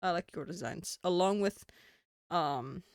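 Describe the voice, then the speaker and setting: Chatting casually on a live stream, a streamer with a New Zealand accent rambles, swears and laughs frequently. The medium-pitched voice is unhurried, and the audio is studio quality with no echo.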